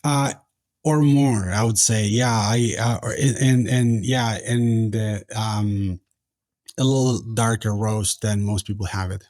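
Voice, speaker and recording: A man's voice: on the low side, steady tone, darkish tone, no room sound, clean studio sound. A man from Argentina with an Argentine accent, a tech founder answering interview questions in casual chat, hesitant and full of fillers and restarts. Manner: halting, many fillers and restarts.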